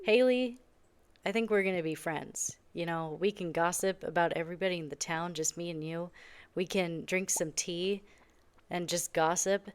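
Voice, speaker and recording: A woman's voice: on the low side, normal speed, clean tone. Sarcastic young woman ranting over gameplay. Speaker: gaming video creator. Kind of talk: casual game commentary.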